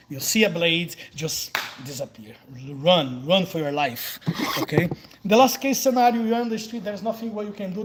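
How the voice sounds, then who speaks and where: A Portuguese-speaking Brazilian vlogger in his forties, with a voice high for a man, chats on a livestream, swinging between old stories and replies to viewer comments. A phone camera on the floor of a large open warehouse captures him along with faint background noise.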